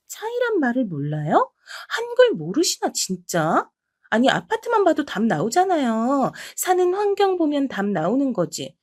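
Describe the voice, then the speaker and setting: A snide, condescending sister-in-law, voiced by a woman for a story drama. Her bright, high voice swoops up and down as she sneers and belittles. Every line drips with sarcasm. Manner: mocking, sarcastic, talks down. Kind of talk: audio drama acting.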